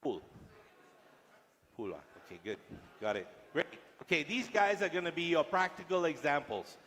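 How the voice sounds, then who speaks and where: A man's voice: fairly high pitch, sing-song, normal speed, fairly bright tone. A male guest lecturer speaking to police officers in a large lecture hall, joking with and teasing the audience. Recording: long hall reverb.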